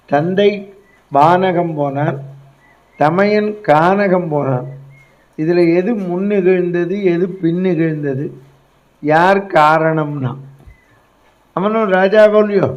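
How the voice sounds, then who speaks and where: A man's voice: sits high, takes it slowly, long pauses, highs cut off. A man from Tamil Nadu, India, telling an epic in an emphatic sermon, checking in with his audience. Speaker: religious storyteller.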